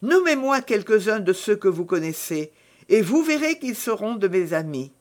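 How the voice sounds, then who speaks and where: A woman's voice: medium pitch, very animated, normal speed, natural voice. A woman reading a novel aloud, voicing a trusting young novice nun with an eager, pleading manner. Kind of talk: audiobook character reading.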